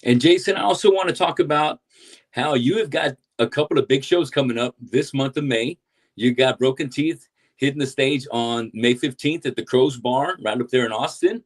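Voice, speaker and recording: A man's voice: medium pitch, moderate pace. A man hosting a podcast interview, effusive and hyped, praising his guest and swearing for emphasis. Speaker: podcast host.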